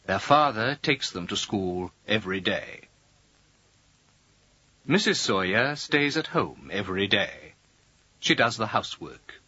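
A man speaking slowly and carefully in a scripted language-course dialogue. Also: on the low side, sharp tone, dry recording. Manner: slow, careful, clearly spaced delivery. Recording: dull lo-fi audio.

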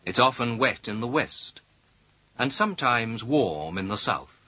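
A man speaking slowly and carefully in a scripted language-course dialogue. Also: medium pitch, lively intonation, bright, forceful tone, no echo. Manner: slow, careful, clearly spaced delivery. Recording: dull lo-fi audio.

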